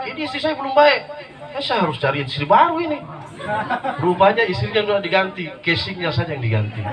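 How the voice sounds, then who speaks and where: A man preaching to a gathering, telling his story in a lively, jokey way and acting out the people in it. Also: fairly high pitch, recorded from a distance, rough recording. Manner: lively, jokey, acts out quoted voices. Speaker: guest preacher. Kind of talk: humorous sermon storytelling. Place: religious gathering before an audience. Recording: live audience noise audible.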